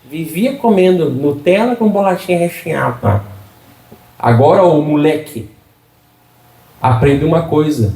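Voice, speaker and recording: A man's voice: a little high, warm tone. A middle-aged man, preaching a folksy, humorous sermon and asking for amens from the congregation. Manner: humorous, folksy preaching with frequent call-and-response. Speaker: pastor. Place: church. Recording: echoey church from a distance.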